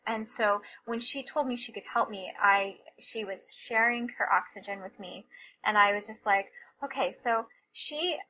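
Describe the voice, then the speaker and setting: A woman guest on an interview show, candidly telling a personal story in an emotional, halting way. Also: medium pitch, pushed and bright. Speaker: podcast guest. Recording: slightly dull lo-fi recording with faint hiss.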